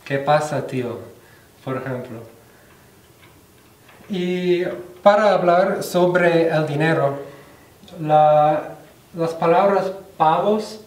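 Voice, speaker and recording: Slow, careful young man. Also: on the high side, darkish tone, distant mic. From United States. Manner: slow, careful learner's delivery with pauses. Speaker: student presenter. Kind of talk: class presentation on Spanish slang. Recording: roomy echo, voice from off the mic.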